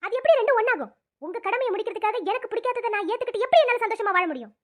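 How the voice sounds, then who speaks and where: A woman's voice: very high voice, animated, rapid-fire. A woman voicing a stubborn young woman in a cartoon, firm and pleading by turns. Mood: defiant. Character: defiant young woman, stubborn about marriage. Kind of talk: cartoon voice acting.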